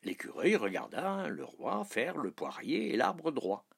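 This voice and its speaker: A man reading a storybook aloud in a soft voice that sometimes drops to a whisper. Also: medium pitch, huge pitch swings, unhurried, creaky, husky. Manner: soft, dropping to a whisper on some phrases.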